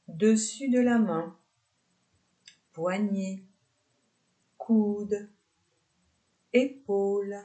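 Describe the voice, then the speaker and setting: This lowish female voice talks listeners through yoga nidra relaxation. Her guidance is soft and slow, broken up by pauses between phrases.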